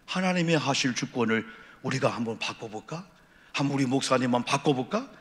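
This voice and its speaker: A man's voice: medium pitch, expressive, a little fast, a bit bright. A middle-aged man preaching an evening sermon as a senior pastor in a church sanctuary, with emphatic repeated refrains and rhetorical questions. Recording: echoey church hall reverb.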